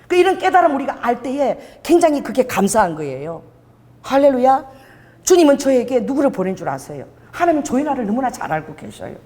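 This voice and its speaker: A woman pastor delivering a sermon in an animated, conversational storytelling manner. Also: high-pitched, in a large hall. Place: church hall.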